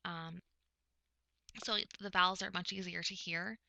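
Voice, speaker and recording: A woman giving a recorded lecture, explaining topics step by step in a measured way with frequent pauses. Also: lowish voice, fairly even intonation, creaky, bright, forceful tone, no echo, low-quality recording. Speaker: presenter explaining speech of the hard of hearing.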